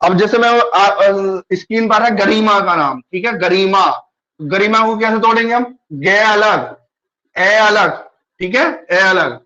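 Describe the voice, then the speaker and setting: A man's voice: high-pitched, slow pace, pushed and bright, dull audio. A male teacher taking an online class, patiently explaining and repeating questions to his students.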